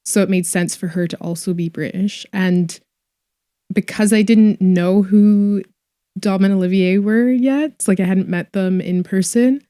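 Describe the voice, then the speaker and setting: A young Scottish woman with a blend of Scottish and Canadian accents chats casually as an actress guest in an interview, giggling and filling her speech with "like" and "um." Her medium-pitched voice is warm, clean and unhurried. The studio recording is clean with no echo.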